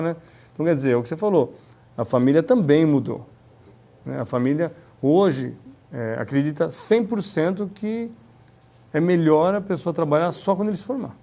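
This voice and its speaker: A man with a mellow, somewhat higher voice. He talks in an animated, chatty way, acting out little dialogues and checking in with tag questions. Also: gravelly. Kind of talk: casual conversation.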